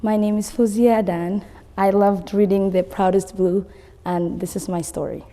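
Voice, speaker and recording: Here a guest book reader, a recent graduate in her twenties, discusses a book informally and keeps saying "you know." Originally from Somalia, she later lived in Kenya, and her medium-pitched voice is dark in tone, moderately paced, with fairly even intonation. The setting is an indoor room with a wood-panel wall, where she sits, and the recording is reverberant with music underneath.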